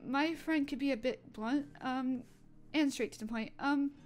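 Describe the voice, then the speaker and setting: A woman's voice: high-pitched, unhurried, a little mellow. A woman voicing a polite, apologetic young woman traveler in a narrated role-play story, speaking hesitantly with many fillers.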